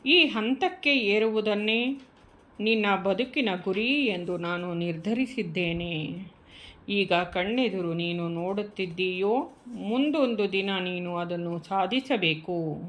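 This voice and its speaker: A woman voicing a loving old male yogi guru who speaks in a gentle, coaxing, instructive way. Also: mid-range voice, slow.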